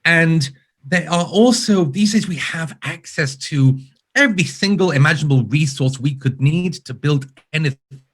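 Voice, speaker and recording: A fairly high, slightly rough male voice at a moderate pace belongs to an Israeli podcast guest with a British-sounding accent. The user researcher chats casually in a remote interview, earnest and methodical as he lists his points.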